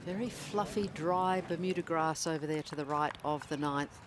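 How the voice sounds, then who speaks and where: A man's voice: a little high, moderate pace, background noise. A man giving live golf tournament commentary as a broadcast commentator.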